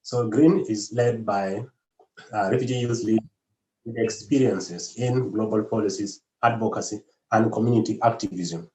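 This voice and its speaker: A man's voice: fairly low pitch, moderate pace, warm tone, reverberant, poor audio. A man facilitating an online workshop, speaking with frequent hesitations and fillers.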